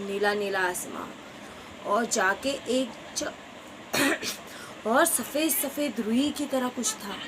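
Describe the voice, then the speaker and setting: A woman narrating a children's story in a slow, expressive storytelling manner with drawn-out words. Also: fairly high pitch, slight background noise, rough recording.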